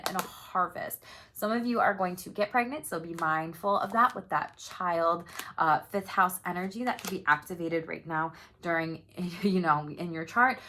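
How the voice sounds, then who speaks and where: A young woman reads tarot cards for her viewers in a loose, chatty way. She is upbeat, swears easily and laughs between phrases, at a mid pitch. A faint hiss sits under the recording. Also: bright, forceful tone. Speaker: tarot reader. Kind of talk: casual tarot reading to camera.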